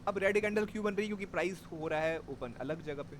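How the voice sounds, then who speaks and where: High-voiced male trading teacher. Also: fast talker, slight background noise. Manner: explains step by step, checks understanding with students. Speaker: stock market trading teacher. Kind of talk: live class explanation.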